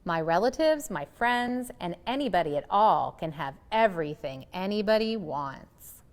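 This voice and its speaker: A woman's voice: on the low side, lively intonation, moderate pace. A woman voicing an eager, wishful young male donkey from a storybook, speaking earnestly. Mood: delighted. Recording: echoey, long room reverb.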